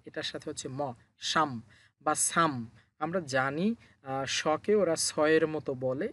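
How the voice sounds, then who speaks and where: A man's voice: a little high, fairly bright tone. A man with a Bangladeshi Bengali accent teaching a language lesson step by step. He asks his own questions, answers them, and repeats each sound.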